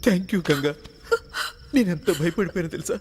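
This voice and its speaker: A man's voice: high-pitched, lively intonation, moderate pace, a little mellow, slightly rough. An actor playing an obsessive, lovesick young man who pleads with heartfelt emotion, in dubbed movie dialogue. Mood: tender. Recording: film score underneath.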